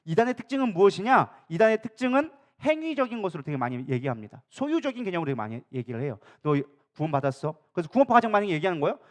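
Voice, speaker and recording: A man's voice: sits high, wildly swooping pitch, racing, few pauses. A male pastor preaching a sermon in a church, often asking the congregation questions and answering them himself. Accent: Korean, Daejeon area. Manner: acts out quoted speakers in a changed voice. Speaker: co-senior pastor. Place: church sanctuary.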